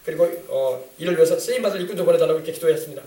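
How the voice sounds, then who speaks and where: A man's voice: on the high side, very fast, dark tone. A male pastor preaching a sermon, emphatic and repetitive, urging his congregation to pray. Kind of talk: sermon with call-and-response. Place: church sanctuary. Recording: echoey room, mic at a distance.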